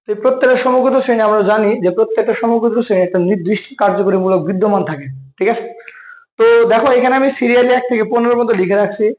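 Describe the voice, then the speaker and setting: A Bangladeshi Bengali man teaching an exam-prep chemistry lesson, with a very high voice that stays light and quick. He keeps firing questions at the viewer and answering them himself, often calling them brother. The sound is echoey, as if he is in a bare room. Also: darkish tone. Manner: quizzes listener then answers himself. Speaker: chemistry tutor.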